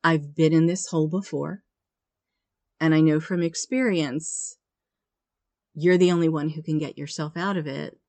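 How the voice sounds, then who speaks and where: A woman voicing a kind stranger in a parable who jumps down to help, calm and reassuring. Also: low voice, measured pace, pauses often, no echo. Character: kind man who has been in the hole.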